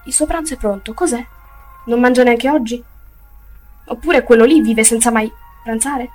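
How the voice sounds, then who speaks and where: A woman's voice: fairly high pitch, moderate pace, darkish tone, soft background music, close to an everyday voice. A woman voicing an obsequious, gossipy male food-seller in a prison, in an audiobook reading.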